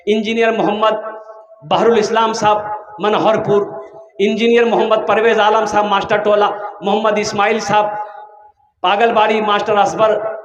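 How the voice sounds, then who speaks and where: Preacher, male, high and echoey, rousing fundraising sermon style with joking asides to the crowd. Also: highs cut off. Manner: rousing, jokey, calls out to the crowd. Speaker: maulana preacher raising donations. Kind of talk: fundraising sermon at a religious gathering. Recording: echoey public address sound.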